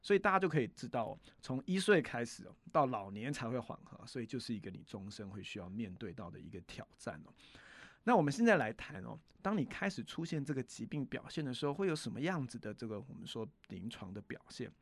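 A man explaining as a veterinarian to an interviewer, in a patient way, often letting his phrases trail off softly. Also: medium pitch, very animated, fast, no room sound. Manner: patient explainer, sentences trailing off with soft particles.

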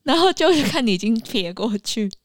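A woman's voice: a little high, very animated, normal speed, no room sound, studio quality. A woman co-hosts a casual podcast. She tells chatty stories, giggles and acts out what people said. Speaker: podcast co-host and bus conductor.

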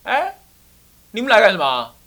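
A cranky old grandpa who is secretly a mountain spirit, as a monk puts him on while telling a story. He barks and scolds in a high, sharp voice that swings wildly up and down. The voice is hot-tempered and shoos everyone off. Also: wildly swooping pitch, brisk, exaggerated voice. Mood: scolding. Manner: gruff, scolding, shooing people off.

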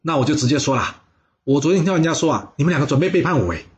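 A man's voice: a little high, lively intonation, rapid-fire, lo-fi sound, lightly acted. A man voicing an overconfident ancient warlord who laughs off every warning in a jovial, brash way. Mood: cocky.

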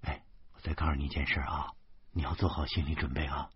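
A man reading the lines of a calm, level-headed young wife in a soft, low voice. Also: normal speed, slightly rough, heavily acted. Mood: calm, chiding. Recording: dull lo-fi dry recording.

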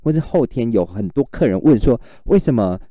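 A man's voice: medium pitch, a little fast, dry recording, studio quality. A man, a livestream seller telling stories in casual chat and acting out his customers. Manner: animated storyteller, acts out customers.

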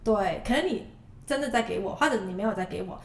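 A woman's voice: mid-range voice, gravelly. A woman co-hosting a podcast, chatting casually with a friend, teasing herself and mixing English words into her speech. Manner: quick, expressive, self-teasing, mixes English words into speech. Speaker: podcast co-host. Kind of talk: casual chat between friends. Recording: music playing under the voice.

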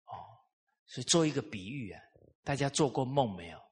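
Husky-voiced man lecturing a live audience. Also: medium pitch, normal speed. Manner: lively storytelling with rhetorical questions to the audience. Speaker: lecturer on traditional culture.

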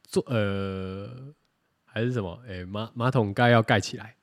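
A man's voice: lowish voice, normal speed. Rambling man. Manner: rambling, animated, self-correcting. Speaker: podcast co-host. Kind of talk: casual chat.

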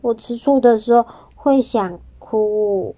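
A gentle, sensible storybook child who explains her feelings calmly, as a woman reads her lines. The voice is soft and slightly raised above the narrator's tone. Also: a little high, slow, no echo. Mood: wistful.

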